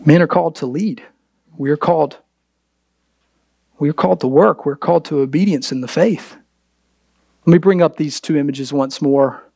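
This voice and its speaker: Man, pastor, sermon, emphatic, rhetorical questions, fairly high pitch, dry close sound. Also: moderate pace, gravelly, long pauses, darkish tone, no room sound. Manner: speaks directly to the men in the congregation.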